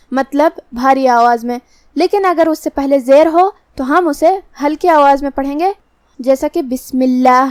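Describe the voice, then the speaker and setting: A woman's voice: sits high, a little mellow, no room sound, studio quality. A woman with an Urdu accent teaching Quran recitation rules, explaining patiently and methodically, step by step. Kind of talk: tajweed lesson, explaining rules slowly.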